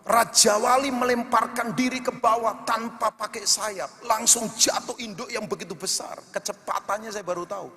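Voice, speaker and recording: A man preaching with a very high, bright and forceful voice. He swings between fervent shouting and hushed storytelling. His voice rings through a church hall with a long reverb. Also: steady tone, moderate pace, hardly any pauses. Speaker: pastor. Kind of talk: sermon.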